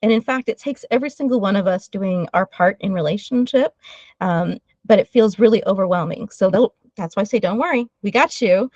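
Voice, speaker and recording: A woman's voice: mid-range voice, fairly quick, no room sound. Earnest woman on a dull video call. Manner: earnest, animated, with fillers and restarts. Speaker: guest speaker, trauma-informed ministry leader. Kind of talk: conversational interview talk.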